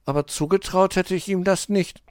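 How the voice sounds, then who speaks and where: A man voicing a kind, gentle male rabbit in a storybook, speaking with soft doubt. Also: high-pitched, steady tone, moderate pace, no echo, clean studio sound, pitched above the performer's own voice, lightly acted. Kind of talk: storybook read-aloud.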